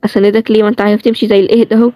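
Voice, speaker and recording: A woman voicing a sharp-tongued young heroine with an Egyptian accent, in a bantering, higher-pitched way. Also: flat delivery, racing, dry recording, natural voice. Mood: playful. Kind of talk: storybook role-play series.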